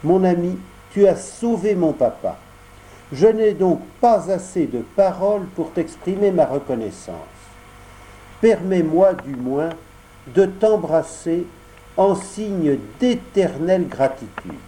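A man's voice: high-pitched, a little slow, dark tone, slight background noise, voice pushed up, rough recording. A man voicing an earnest, proud wooden puppet boy in a storybook reading, with emphatic delivery. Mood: tender. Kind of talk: audiobook character voice.

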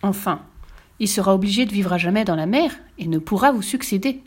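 A woman's voice: medium pitch, expressive, brisk, natural voice. A pompous court chaplain who lectures step by step, voiced by a woman reading aloud. He sounds close to her own reading voice. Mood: alarmed. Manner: lecturing, preachy. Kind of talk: storybook reading.

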